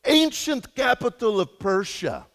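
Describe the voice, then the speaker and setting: A tall, stoic taxi driver in clipped, broken English, as a preacher puts him on with a made-up foreign accent. The voice sits high, and his words trail off into a long hall reverb. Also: expressive, normal speed. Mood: friendly.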